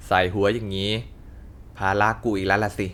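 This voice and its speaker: A man's voice: fairly low pitch, flat delivery, fairly quick, a bit bright, slight background noise. Chatty man doing game commentary. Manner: chatty, exclaims at the action. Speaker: gaming channel host. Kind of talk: let's play commentary.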